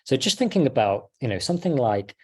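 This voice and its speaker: A man's voice: medium pitch, very animated, a little fast, darkish tone, slightly rough. A man in casual conversation, explaining health advice in a chatty way with fillers. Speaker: health coach.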